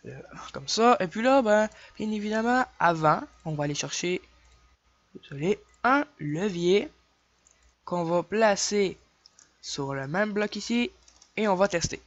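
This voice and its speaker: A man's voice: sits high, animated, unhurried, no echo. Young male tutorial maker, Québécois accent, casual and chatty, counts clicks aloud, lo-fi dry recording. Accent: Québécois French. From Quebec. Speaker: game tutorial creator. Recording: dull lo-fi dry home mic.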